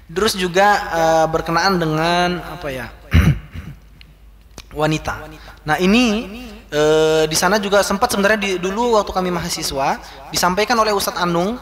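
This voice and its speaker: Fast-talking high-voiced man in a reverberant hall. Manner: chatty, animated anecdotes with frequent fillers. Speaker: religious teacher. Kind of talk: casual storytelling talk.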